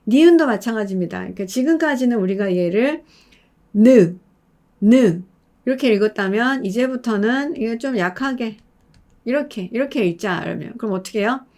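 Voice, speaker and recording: A woman's voice: on the high side, lively intonation, fairly quick, darkish tone. Woman teaching pronunciation, repeating sounds. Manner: patient, demonstrates sounds by repeating them. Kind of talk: explanatory lesson.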